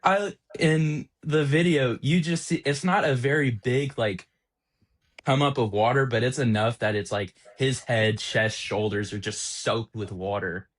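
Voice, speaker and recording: A man's voice: medium pitch, steady tone, a little slow. Young male podcast host, mid-range voice, loose anecdotal delivery full of fillers. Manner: rambling, heavy on filler "like". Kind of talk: casual storytelling.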